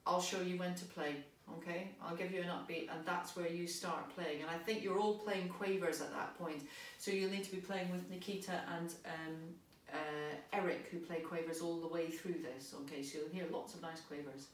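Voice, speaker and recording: A woman's voice: lowish voice, steady tone, normal speed, hardly any pauses, slight background noise. A woman music tutor giving cheerful, encouraging step-by-step instructions to young players. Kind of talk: friendly instructional talk. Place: unfamiliar large venue. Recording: echoey venue, voice from a distance.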